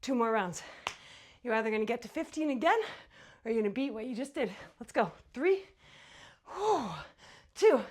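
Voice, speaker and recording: A female fitness instructor with a high voice leads a workout while doing it herself. She is winded between phrases. She keeps urging the team on with short, upbeat pushes and countdowns. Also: lively intonation, moderate pace. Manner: upbeat, encouraging, urging cheerleader-like pep talk. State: out of breath from exercising. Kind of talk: live workout coaching, counting down intervals.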